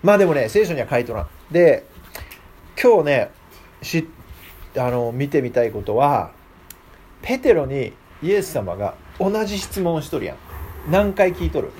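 A man's voice: fairly high pitch, normal speed, long pauses, husky. A man leading a casual, interactive Bible lesson, often putting questions to his listeners. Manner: lively, asks the group questions. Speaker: Bible class teacher.

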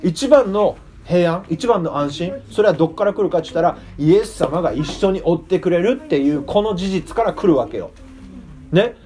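Playful high-voiced Kitakyushu pastor. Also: male voice, animated, normal speed, dark tone. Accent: Kitakyushu Japanese. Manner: playful, asks the listeners questions. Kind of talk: children's sermon.

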